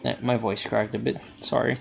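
A man narrating his own gameplay in loose, halting let's play commentary, often trailing off and circling back. His voice has a gravelly, fry-tinged texture. Faint music runs underneath. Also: medium pitch, flat delivery. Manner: rambling, hesitant, self-talking. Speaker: gaming channel host.

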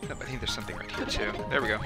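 A man's voice: on the low side, racing. A man giving casual let's-play commentary as he plays, chatty and rambling, with lots of fillers. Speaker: gameplay commentator. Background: video game music.

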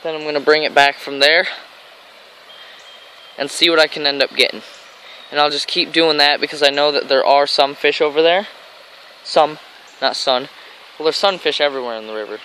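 With a fairly high, steady, bright, and forceful voice, an American fishing vlogger speaks at a moderate pace, leaving long pauses as he rambles enthusiastically. The low-quality recording, made with a handheld camera mic on a grassy riverbank, includes stream and traffic noise.

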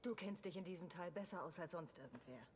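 A woman's voice: fairly low pitch, expressive, fast, lightly acted. Woman acting an earnest game survivor, noisy surroundings. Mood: determined. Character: earnest women survivors in a post-apocalyptic game.

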